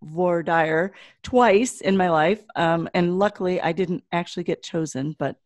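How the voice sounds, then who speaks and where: A woman's voice: on the low side, unhurried, darkish tone, no echo. A middle-aged woman with a Michigan accent, chatting casually as a podcast co-host. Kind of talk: casual scripted-topic podcast chat.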